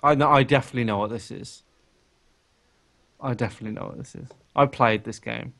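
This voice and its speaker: A man co-hosting a casual gaming podcast, animated and quick to laugh. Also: mid-range voice, vocal fry, a little hiss or hum. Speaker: podcast co-host.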